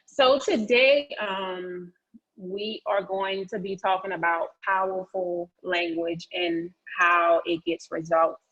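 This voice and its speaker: A woman's voice: on the low side, takes it slowly, a bit bright. A woman presenting a motivational training session over a video call, chatty and folksy, encouraging people to take part. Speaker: real estate agent leading a training session. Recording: dull, muffled video-call audio.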